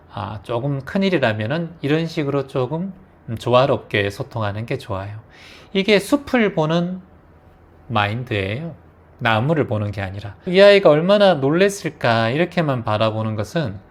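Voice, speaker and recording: Brief: male dharma teacher, relaxed storytelling that acts out quotes. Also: mid-range voice. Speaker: meditation teacher. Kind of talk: dharma talk.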